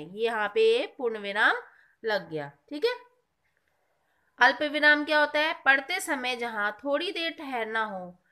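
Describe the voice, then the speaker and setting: Woman teacher, slightly high, bright voice, patient, quizzes the class as she explains. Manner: explains patiently, asks the class questions and answers them herself. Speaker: school teacher. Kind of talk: classroom grammar lesson.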